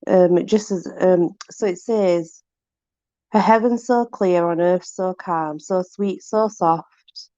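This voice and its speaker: This host, a woman from Yorkshire, England, reads from a book in a relaxed, conversational manner, breaking off for exclamatory asides to someone with her. She speaks slowly in a lowish, warm voice. The audio is lo-fi, with no room sound.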